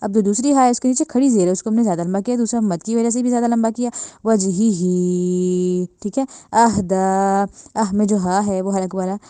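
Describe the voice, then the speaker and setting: Dark-voiced woman drilling recitation slowly. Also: mid-range voice, smooth, no echo. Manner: drills words slowly, contrasts wrong and right forms. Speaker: Quran recitation teacher. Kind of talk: step-by-step pronunciation lesson.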